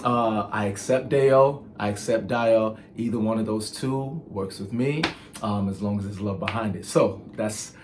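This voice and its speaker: A man's voice: lowish voice, measured pace, background noise. A man from Nigeria, hosting his own channel and telling stories in a casual, chatty way full of ums. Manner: chatty and storytelling, with filler ums and restarts. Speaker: channel host. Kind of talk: casual vlog monologue.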